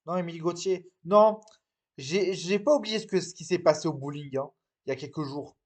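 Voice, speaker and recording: A man with a notably high voice acts out an improvised amateur role-play scene. He scolds in an exasperated, halting way, stumbling and repeating words as he goes. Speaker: hobby drama performer.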